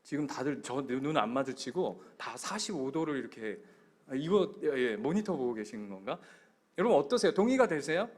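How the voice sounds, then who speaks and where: A man's voice: mid-range voice, moderate pace. A male pastor preaching a sermon in a church, telling stories with energy and putting questions directly to the congregation. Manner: animated storytelling. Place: church sanctuary.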